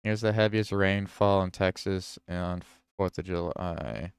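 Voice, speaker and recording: Low-voiced guy reading headlines on his stream, slow, reacts as he goes, very clear dry sound. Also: steady tone, no echo. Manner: reads headlines aloud with reactions and self-corrections. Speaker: livestream host. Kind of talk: casual livestream news reading.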